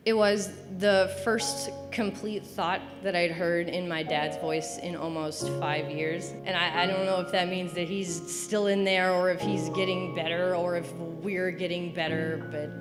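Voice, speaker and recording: A young woman in her twenties telling a stand-up story at an open mic, dry and deadpan with mock-cheerful asides. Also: on the low side, a little slow, few pauses, in a large hall, over music.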